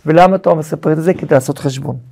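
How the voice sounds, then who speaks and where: A rabbi with a high, gravelly voice. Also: male voice. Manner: lively storytelling with explanations. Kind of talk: Torah lesson.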